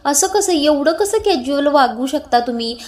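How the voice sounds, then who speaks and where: A woman voicing a frantic, angry young husband who scolds with rapid questions, in a retold serial scene. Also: sits high, animated, darkish tone. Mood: agitated, scolding.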